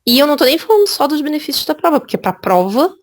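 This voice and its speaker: A woman from Brazil teaching an English exam prep lesson, lively and repeating words for emphasis. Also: high-pitched, fast. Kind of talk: spoken lesson.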